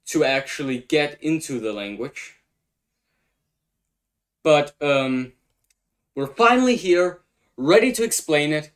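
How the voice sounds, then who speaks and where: Here a young man from Denmark, speaking with a Danish accent as a native, walks through his made-up language in a relaxed explainer. His voice sits a little high with a fairly bright tone, and he hesitates, reasoning out loud as he translates in the moment.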